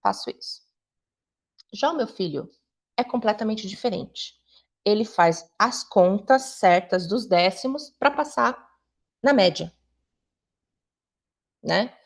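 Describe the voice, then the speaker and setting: A woman's voice: medium pitch, expressive, takes it slowly, vocal fry, long pauses. A middle-aged woman, an invited educator, talking to parents in a conversational way with frequent tag questions. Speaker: invited school supervisor and educator. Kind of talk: talk to parents at a meeting.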